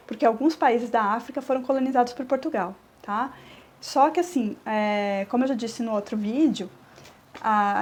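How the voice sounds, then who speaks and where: A woman's voice: a little high, a little mellow. A woman teacher from Brazil giving a recorded review lesson, explaining step by step, often checking in with her students and drawing out syllables as she scans verse. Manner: stretches words when scanning verse.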